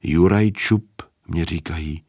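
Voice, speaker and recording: A man's voice: sits low, darkish tone, dry recording, studio quality. A man voicing a meek, devout peasant who speaks humbly and with resignation, in a storybook reading. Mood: humble.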